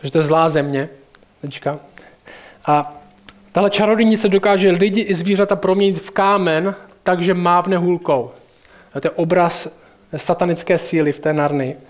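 A man's voice: sits high, steady tone, pauses often. A man preaching a sermon in a conversational way, addressing listeners directly.

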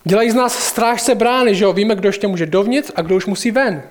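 Guy preaching, chatty sermon, talks to the crowd, pretty high voice. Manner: conversational, asks the listeners directly.

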